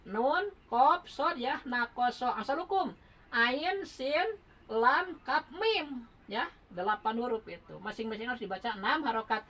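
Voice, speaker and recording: A woman teaching Quran recitation rules in a relaxed home lesson, patiently spelling out letters and counting beats aloud. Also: fairly high pitch, a little slow, poor audio.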